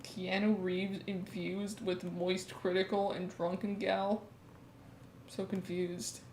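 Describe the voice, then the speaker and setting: A woman's voice: mid-range voice, flat delivery, slow, a little mellow. A woman with a nasal voice, joking and laughing in casual livestream chat. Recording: roomy, faint background noise.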